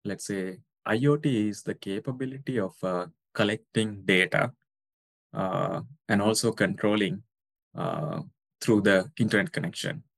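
A man's voice: on the low side, unhurried, gravelly, a bit bright, no room sound. A young man from Sri Lanka, a researcher answering interview questions with many hesitant fillers. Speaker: guest researcher.

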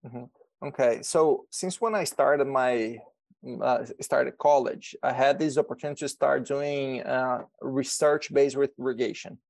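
Halting Brazilian man, dry close sound. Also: mid-range voice, gravelly, darkish tone, no room sound. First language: Portuguese. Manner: halting, many restarts and repeated words. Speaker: extension educator guest. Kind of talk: podcast interview.

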